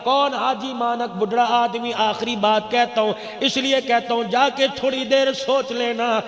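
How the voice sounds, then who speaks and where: A man's voice: very high voice, steady tone, measured pace, a bit bright. A man preaching a sermon, telling a story with an impassioned, chanting cadence. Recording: echoey hall with long reverb.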